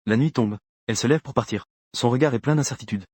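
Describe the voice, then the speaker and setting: A man narrating a first-person story for a comic dub with a rapid, even delivery. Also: medium pitch, husky, no room sound, clean studio sound.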